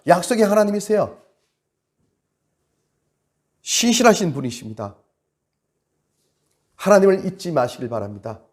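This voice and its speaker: Man, pastor, sermon, high-pitched, dramatic delivery, drawn-out emphasis. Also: sing-song. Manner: dramatic, acts out quoted prayers, drawn-out emphasis.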